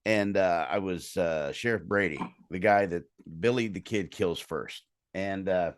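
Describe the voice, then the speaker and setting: Male podcast host, playful and animated, video call chat. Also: deep voice, measured pace, no echo, studio quality. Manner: joking, animated storyteller. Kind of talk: casual interview chat.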